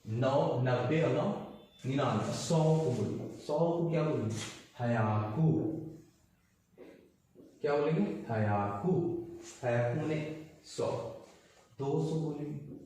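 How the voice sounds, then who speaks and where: A man teaching a class as a language teacher. He asks questions and answers them himself, and he repeats each word slowly. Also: fairly high pitch, warm tone, slight background noise. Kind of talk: classroom lesson. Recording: echoey, mic far off.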